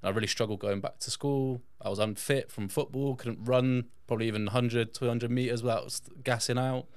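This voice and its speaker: This English podcast guest, Yorkshire-born and brought up in south-west England, tells personal anecdotes in a relaxed interview. His mid-range voice has fairly even intonation and a brisk pace, a little mellow and smooth, with no room sound.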